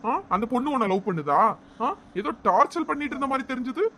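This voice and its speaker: A performer voicing a bold young college man in a cartoon, scolding a bully and gently reassuring a girl. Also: high voice, big pitch swings, fast, a little hiss or hum, heavily acted. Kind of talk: cartoon voice acting.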